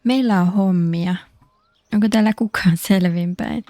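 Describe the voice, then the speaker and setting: A woman's voice: on the low side, warm tone. A woman streaming a game, chatting playfully and joking as she plays. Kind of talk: casual game commentary.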